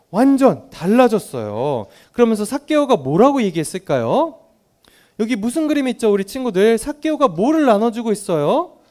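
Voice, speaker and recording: A man tells a Bible story to a room of small children. He keeps stopping to ask them questions. His voice is high and his pitch moves a lot. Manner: animated, asks the children questions often. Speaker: Sunday school teacher.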